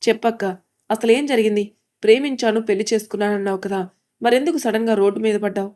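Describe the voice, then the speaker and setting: Lady narrating a sharp-tongued young woman, blunt and preachy, audio story. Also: on the high side, fairly even intonation, fast talker, natural voice. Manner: blunt, lecturing.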